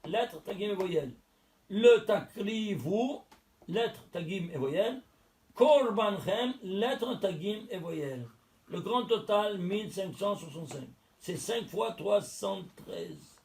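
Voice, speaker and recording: This man's voice sits high and carries some vocal fry. As a teacher working through a religious text, he breaks the material down step by step, counting letters out loud and answering his own questions.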